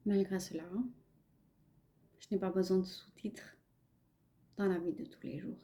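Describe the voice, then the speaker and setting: A woman with a Pakistani accent and Punjabi as her first language, reading a reflective spoken-word monologue in a measured, poetic way that sometimes drops to a near-whisper. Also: mid-range voice, flat delivery, warm tone. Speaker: podcast host.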